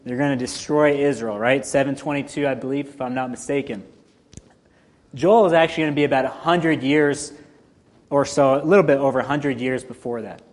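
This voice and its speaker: A man's voice: mid-range voice, steady tone, fairly quick. A man with a Southern US accent gives an informal teaching sermon in a folksy, self-effacing way. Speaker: preacher.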